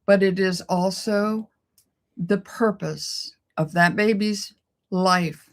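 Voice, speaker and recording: A woman's voice: mid-range voice, takes it slowly. A middle-aged woman co-hosting a casual chat, telling a personal story in an emotional way and laughing often. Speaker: co-host.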